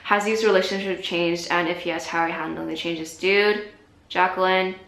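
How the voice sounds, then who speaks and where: A young woman in a casual vlog who reads viewer comments aloud and answers them, chatty and self-deprecating, laughing often and trailing off softly. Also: fairly low pitch, fairly even intonation, moderate pace, reverberant. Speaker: YouTuber answering viewer questions. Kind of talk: casual Q&A chat reading comments.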